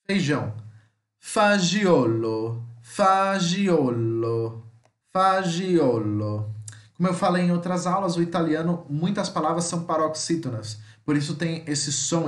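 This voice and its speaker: Brazilian man teaching, echoey room. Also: on the high side. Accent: Brazilian Portuguese. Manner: slow drawn-out model pronunciations between chatty explanations; keeps checking in with "tá?". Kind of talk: online language lesson.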